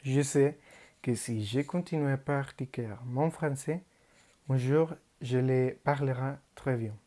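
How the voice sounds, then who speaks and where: Speaking in a mid-range voice with a dark tone, a Mexican high school student in his teens reads out a prepared class presentation. Spanish is his native language, he has a Mexican Spanish accent, and his reading is careful and halting in a learner's way.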